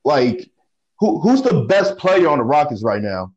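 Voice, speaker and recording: A man co-hosting a sports podcast over a phone line, talking casually with halting restarts and slang. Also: fairly high pitch, sing-song, a little mellow. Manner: halting, repeats words, slangy. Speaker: podcast co-host.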